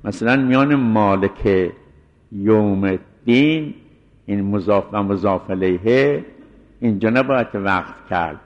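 A man with a fairly low voice gives a spoken lesson on recitation rules. He explains step by step and slows down to chant the verse examples. A long reverb trails behind his voice. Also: muffled recording. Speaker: teacher of Quran recitation rules.

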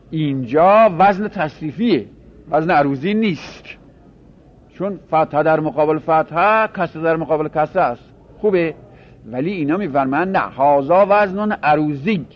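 A man teaching a grammar lesson in a measured classroom lecture, repeating phrases and posing rhetorical questions he then answers. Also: fairly high pitch. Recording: dull lo-fi recording.

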